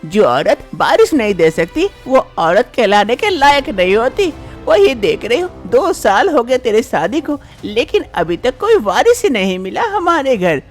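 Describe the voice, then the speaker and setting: A shrill, sharp-tongued mother-in-law, as a woman puts her on for an animated drama. She nags and scolds with sarcasm. Her voice leaps up high and swings widely. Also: measured pace, soft background music. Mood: scolding.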